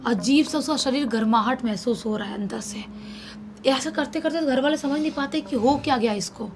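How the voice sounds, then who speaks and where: A woman storyteller recounts a horror tale in a dramatic way, dropping in English words. Her voice sits a little high, with faint noise behind it. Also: normal speed.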